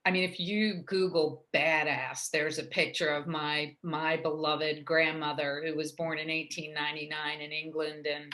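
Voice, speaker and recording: Woman panelist, low bright voice, frank storyteller, casual video-call chat. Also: flat delivery. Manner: frank and anecdotal, halting restarts. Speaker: conference panelist.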